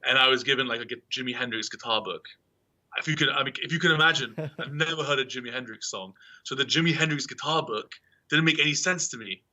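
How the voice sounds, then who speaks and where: A man's voice: mid-range voice, fast, pushed and bright. A young English man, a band member, chatting casually and rambling with frequent laughs. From England. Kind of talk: casual chat.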